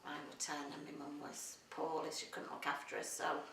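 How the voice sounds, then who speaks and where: Speaking fairly quickly in a low, fairly bright voice with a completely flat delivery, a Yorkshire-accented woman of middle age from Doncaster, England, chats casually in an interview and frequently hunts for words. She is recorded from a distance in a roomy space, with faint noise.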